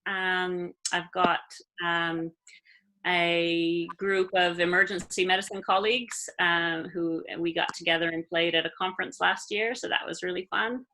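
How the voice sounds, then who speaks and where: A woman's voice: fairly low pitch, steady tone, unhurried, bright, forceful tone, a little hiss or hum, poor audio. A woman with a Maritime Canadian accent, chatting casually as an interview guest. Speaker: interview guest, emergency doctor and musician.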